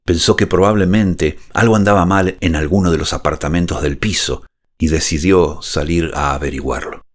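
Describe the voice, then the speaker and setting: A man narrating a scripted suspense horror story in a measured, dramatic way, speaking intimately close to the ear. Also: sits low. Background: music behind the voice.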